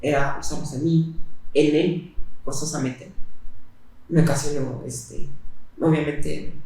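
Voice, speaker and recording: A woman giving a personal account in an interview, speaking haltingly with frequent fillers and pauses. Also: deep voice, fairly even intonation, mellow. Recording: very echoey room.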